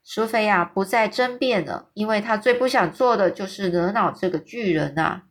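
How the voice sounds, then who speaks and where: A woman's voice: mid-range voice, normal speed. A woman reading a children's book aloud in a chatty way, with many sentence-final particles. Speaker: storyteller.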